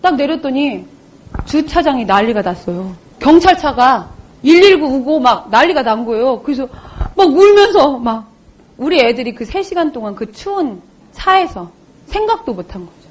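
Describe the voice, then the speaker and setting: A woman's voice: sits high, sing-song, moderate pace. A woman in her forties giving an emotional personal testimony on stage, telling her story dramatically and acting out the voices of people she quotes. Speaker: motivational speaker.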